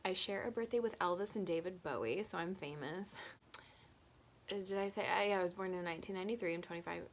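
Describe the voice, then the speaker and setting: Twenties woman, tipsy and self-mocking, low-ish voice, rambling vlog chat. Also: fast, a little hiss or hum. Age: 20s. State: tipsy from drinking. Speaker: vlogger. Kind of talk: casual get-to-know-me chat.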